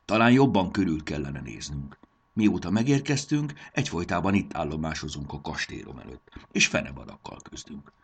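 An eager, brave boy in a storybook adventure, played by a man. He sounds reassuring and keen, only slightly lifted in pitch. The voice keeps a gravelly, husky edge. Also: big pitch swings, full character voice. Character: brave, encouraging young boy.

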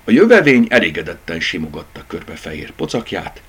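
A man reading a children's story aloud, expressive and animated. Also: low-pitched, breathy edge.

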